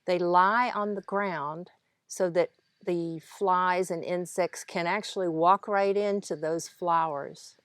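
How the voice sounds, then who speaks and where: Low-voiced woman. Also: steady tone, slow pace, smooth, dry recording. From Kentucky, United States. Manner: plain, instructive, pointing things out. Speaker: gardener giving a garden tour. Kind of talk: casual narrated garden walk-through. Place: outdoors in a home garden. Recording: outdoor ambient noise behind voice. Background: faint outdoor ambience.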